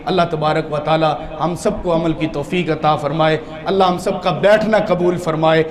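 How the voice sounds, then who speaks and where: A man preaching in a mosque, with a high voice that drops low for stories and then rises into loud, fervent cries. The congregation is clearly heard around him. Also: steady tone, a crowd in the background. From Pakistan. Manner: swings from low storytelling to loud impassioned shouting. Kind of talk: sermon.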